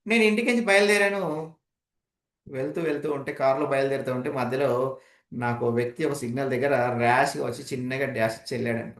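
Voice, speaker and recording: A woman teaching voice modulation in an online session, demonstrating loud, soft, fast and slow speech and asking the audience questions. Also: a bass voice, echoey room. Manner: demonstrative, shifts volume and pace on purpose to illustrate points; asks the audience rhetorical questions. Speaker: voice modulation trainer. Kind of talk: online training session lecture.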